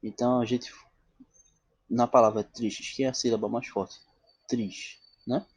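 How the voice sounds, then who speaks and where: With a mid-range voice, flat delivery and moderate pace, a male literature teacher gives a classroom-style lecture in an echo-free recording. "Tá bom?" and "né?" come up often as he checks in with listeners, and he poses questions only to answer them himself.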